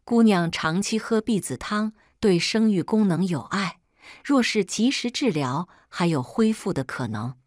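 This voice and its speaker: A woman voicing an old male physician in a story reading, calm and measured in his advice. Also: medium pitch, no echo, clean studio sound, lightly acted. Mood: advising.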